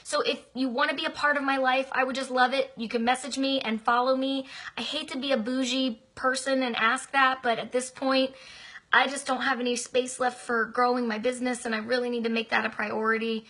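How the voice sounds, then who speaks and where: A woman gives a motivational live-stream talk to her business team, answering viewer comments and affectionately repeating herself. Chatty and effusive, she talks at length in a bright, forceful voice that's on the high side.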